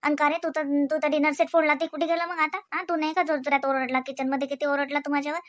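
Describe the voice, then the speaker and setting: A woman's voice: high voice, flat delivery, fast talker, close to an everyday voice. A woman voicing a pleading cartoon wife. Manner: pleading, sulky, repeats sorry. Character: apologetic young wife Rashmi, sulky and pleading. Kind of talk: cartoon voice acting.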